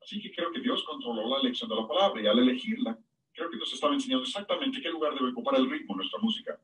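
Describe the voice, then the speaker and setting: Preaching a sermon in an animated way, a man lets his pitch jump sharply high on the words he emphasizes, sounding lively and expressive as he races along. He stands well back from the microphone, so the church around him comes through in a rough, distant recording.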